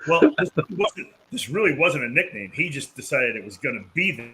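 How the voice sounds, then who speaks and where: A man casually telling an anecdote on a podcast, animated, acting out both sides of a conversation. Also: mid-range voice, fairly quick, slight background noise, poor audio. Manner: animated anecdote, voicing others in quotes. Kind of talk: casual storytelling.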